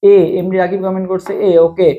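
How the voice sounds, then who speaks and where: Fast-talking young tutor drilling questions. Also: male voice, high voice, completely flat delivery, phone-quality sound. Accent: Bangladeshi Bengali. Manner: fast, repetitive, drills each question over and over. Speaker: admission test tutor. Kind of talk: live-streamed exam prep class.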